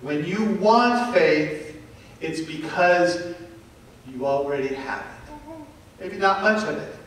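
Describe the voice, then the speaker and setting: A woman preacher giving a sermon, earnest and reassuring, with long pauses. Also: on the low side, slight background noise. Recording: echoey hall from far off.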